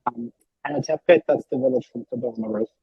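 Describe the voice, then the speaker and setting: A man talking as a podcast guest, rambling and animated, with lots of filler words and a husky voice. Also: mid-range voice, quick pace, no room sound, lo-fi sound. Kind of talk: casual podcast chat.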